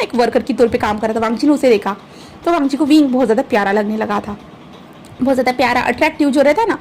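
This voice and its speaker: Woman, casual fan fiction narration, chatty, talks to listeners, high voice, fast. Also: a little mellow, slight background noise. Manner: chatty, addresses listeners as "bhai". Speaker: storyteller.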